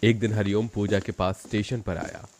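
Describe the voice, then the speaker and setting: A man narrates a cartoon story in a steady, dramatic way. His voice sits fairly low, with faint noise behind it. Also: moderate pace.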